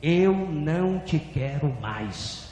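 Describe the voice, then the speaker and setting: A man voicing the stern, solemn voice of God in slow, heavy pronouncements. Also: fairly high pitch, lively intonation, background noise. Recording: echoey hall reverb.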